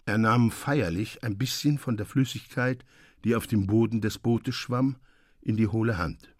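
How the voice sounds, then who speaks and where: A man narrating a classic short story as a radio reading, with lively, expressive delivery. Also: on the low side, measured pace, dry recording, studio quality.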